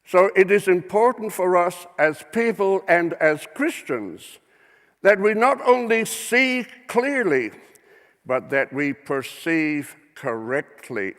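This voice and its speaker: A male minister preaching a sermon in church, measured and deliberate, with dramatic rhetorical questions. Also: high voice, animated, fairly bright tone, big-room sound.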